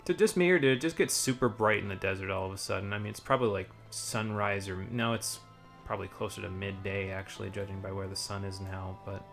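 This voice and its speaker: A man's voice: lowish voice, fairly even intonation, quick pace, gravelly, fairly bright tone, faint music behind. A man giving casual, rambling live commentary on a video game with wry asides.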